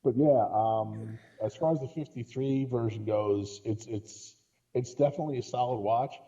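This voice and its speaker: A podcast guest with a mid-range voice and a dark tone talks about movies at a normal speed, casual and full of opinions. The recording sounds dull and lo-fi.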